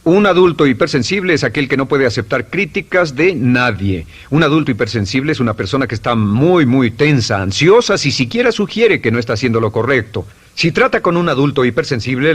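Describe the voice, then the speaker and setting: A man's voice: mid-range voice, a bit bright. Emphatic middle-aged male lecturer. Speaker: motivational lecturer.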